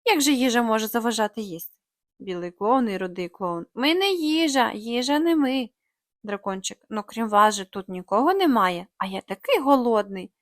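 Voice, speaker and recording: Дракончик, озвучений жінкою, тоненький і плаксивий. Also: female voice, a little high, animated, moderate pace, no echo, clean studio sound, close to an everyday voice. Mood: childish. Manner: childish, plaintive. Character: little boy dragon, naive, hungry, tearful.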